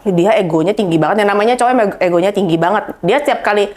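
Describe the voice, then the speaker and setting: A woman's voice: mid-range voice, rapid-fire, a little mellow. A married woman, a talk-show guest, telling her personal story candidly and laughing often. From Indonesia. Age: adult, married.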